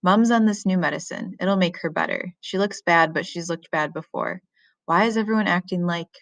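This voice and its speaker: A woman reads a touchy English boy from a novel, keeping his answers short and defensive. The voice sits low and the sound is close and dry, like a classroom read-aloud. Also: normal speed, no room sound, natural voice. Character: defensive annoyed boy, terse with his father.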